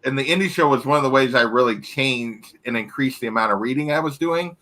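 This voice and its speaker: Guy on a video call, bright voice, lots of ums and trailing off. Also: medium pitch, a little fast, rough recording. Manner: hesitant, many fillers and trailing thoughts. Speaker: guest. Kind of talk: casual chat on a video call.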